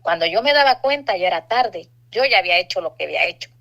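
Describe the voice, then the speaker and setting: Bright-voiced woman giving testimony. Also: mid-range voice, animated, fast talker, lo-fi sound. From Mexico. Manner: earnest, confessional, acts out dialogue. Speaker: testimony speaker. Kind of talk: personal testimony.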